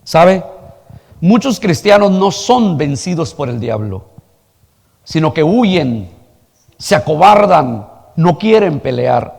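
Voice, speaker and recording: A man's voice: fairly high pitch, gravelly, breathy edge, in a large hall. A man preaching a sermon as pastor, asking the congregation rhetorical questions and telling a story. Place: church hall.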